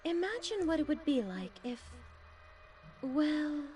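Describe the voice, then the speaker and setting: A woman voicing a composed, gently amused maid in an anime game, speaking politely and with measure. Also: sits high, sing-song, takes it slowly, soft background music, heavily acted.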